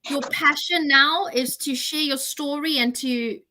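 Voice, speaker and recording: Woman, high voice, from South Africa, interview host, video call, encouraging. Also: steady tone, a little slow, bright, forceful tone, a little hiss or hum, rough recording.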